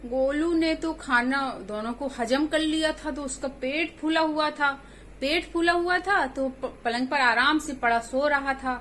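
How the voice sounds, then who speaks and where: A woman's voice: sits high, measured pace, fairly bright tone, a little hiss or hum. A woman narrating a children's story in a simple, chatty way, speaking directly to young listeners. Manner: simple, chatty telling to kids.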